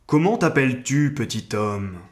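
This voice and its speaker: A man voicing a great old oak tree with a big, gruff voice in a storybook reading, speaking slowly and sternly like a teacher. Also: medium pitch, expressive, natural voice. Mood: stern, wise.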